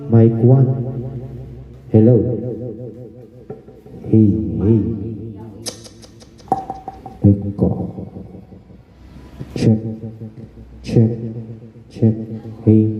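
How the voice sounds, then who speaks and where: A man calling out slow, drawn-out mic test words through a portable speaker, his voice soaked in heavy echo and reverb from the built-in mic effect. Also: lowish voice. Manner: drawn-out repeated test calls, shouted into the mic. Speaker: shop seller demonstrating a speaker. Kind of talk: mic check. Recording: echoey, dull sound through a portable speaker.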